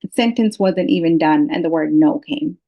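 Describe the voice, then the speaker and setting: A woman's voice: sits low, normal speed, highs cut off. A woman from Pakistan talks as a podcast guest, explaining her personal views and experience in an earnest, reflective way. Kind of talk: reflective personal interview talk.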